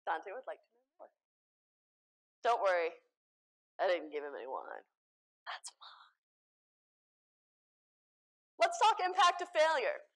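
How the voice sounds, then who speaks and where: A young American woman giving a conference talk with slides, animated and self-deprecating, laughing often at her own jokes. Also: medium pitch, normal speed, pauses often. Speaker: conference speaker. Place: conference hall stage.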